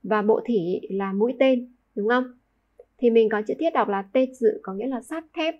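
A woman's voice: fairly high pitch, normal speed, lo-fi sound. A young woman teaching a kanji lesson, patiently repeating each word and asking the class to confirm. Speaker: Japanese teacher.

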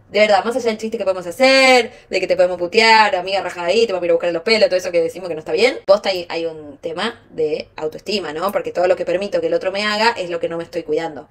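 A young woman with a Rioplatense Spanish accent giving frank, slangy advice to her chat on a casual live stream. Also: lowish voice.

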